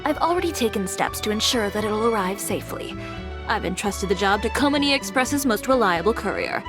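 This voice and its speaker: Here a woman performs as a composed, businesslike designer and shop owner in a video game, keeping the character dry and matter-of-fact. Her medium-pitched delivery is animated and fairly quick, though only lightly acted, set against game music.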